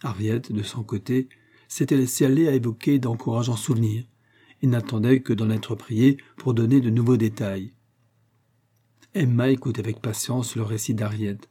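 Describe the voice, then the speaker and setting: Male audiobook narrator, dark husky tone, measured reading of a classic novel. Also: mid-range voice, steady tone.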